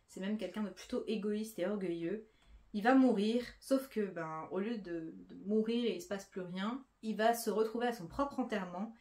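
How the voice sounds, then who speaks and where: A woman's voice: mid-range voice, darkish tone. A woman talking casually about books she has read, chatty, with frequent fillers and restarts. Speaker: book vlogger. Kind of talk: casual book review.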